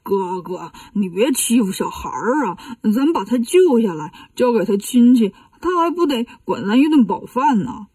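A woman storyteller voicing a greedy, good-natured pig monk in a lowered, easygoing voice. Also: sing-song, normal speed, few pauses, mellow, slightly rough, dry recording, far from the mic.

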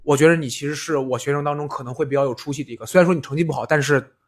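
Male podcast host, high and husky, fast, lively storyteller. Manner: animated storyteller, acts out quotes with big pitch jumps. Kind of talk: casual chat, storytelling.

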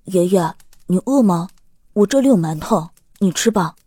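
A man's voice: high-pitched, lively intonation, normal speed, mellow, slightly rough, no echo, voice pushed up. A man voicing an earnest, caring young boy in an audiobook, lifting his voice into a boyish tone. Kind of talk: audiobook character voice.

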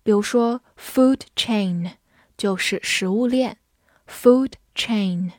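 Woman teacher, mid-pitched, slow and patient; spells words and reads example sentences aloud. Dry, close recording. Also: no echo. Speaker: English vocabulary teacher. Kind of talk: vocabulary lesson narration.

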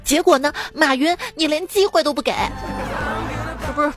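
A young adult woman hosts a radio joke show, reading quips playfully and teasingly and laughing at her own lines in casual radio talk. Her voice sits high at a normal speed, with background music running under it.

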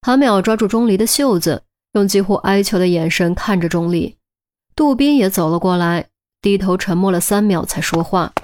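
A woman reading a crime audiobook in a steady storytelling manner. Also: mid-range voice, moderate pace. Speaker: audiobook narrator. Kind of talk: scripted audiobook narration.

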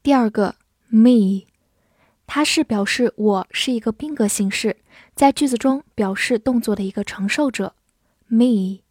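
A woman gives an English vocabulary lesson with a mellow, somewhat high voice. She spells words letter by letter and reads example sentences slowly. The sound is dry and close. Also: no echo. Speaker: English teacher.

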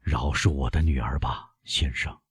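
A desperate middle-aged prosecutor, voiced by a male audiobook reader, speaking low and hushed, stumbling over his words as he begs. The voice is very deep and raspy, and the dry recording keeps every break in it close. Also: very animated, measured pace, dry recording, exaggerated voice. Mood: pleading. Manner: hushed, faltering, begging. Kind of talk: audiobook character reading.

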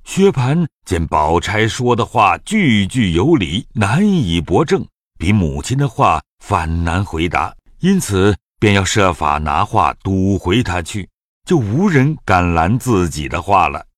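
Male narrator, low and expressive, for an audio drama. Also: measured pace, no room sound, studio quality.

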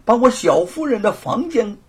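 A man's voice: high-pitched, huge pitch swings, a little slow, fairly bright tone, husky, pitched above the performer's own voice, full character voice. A male storyteller voicing a gloating, cruel middle-aged local tyrant who sneers and blusters. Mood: menacing.

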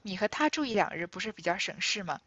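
A composed young noblewoman who talks in a gentle, reasonable tone, as a woman reads her part. The voice sounds dry and a little dull, recorded close. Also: mid-range voice, expressive, quick pace, no room sound.

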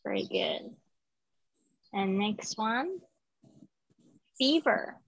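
A woman's voice: on the high side, wildly swooping pitch, very slow, dry recording, low-quality recording. A woman tutoring English vocabulary over a video call, patiently correcting pronunciation and encouraging her student. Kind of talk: live online vocabulary lesson.

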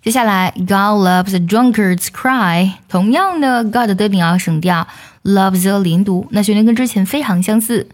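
A woman's voice: medium pitch, soft background music. Woman teaching song pronunciation. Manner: explains lyrics patiently with filler "呢", sings lines slowly to demonstrate. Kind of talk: song lyric lesson.

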